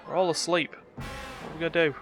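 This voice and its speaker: Muttering along as he plays, a man streams live gameplay with game music behind him. His pitch is on the high side, and his delivery is flat and brisk.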